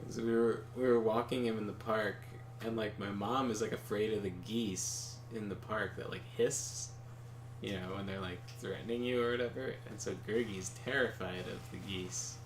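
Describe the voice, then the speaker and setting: A man with a lowish voice and fairly even intonation, speaking at a moderate pace, co-hosts a game stream and chats casually as he plays. His anecdotes ramble, full of fillers and chuckles, and the sound carries a roomy echo and faint background noise.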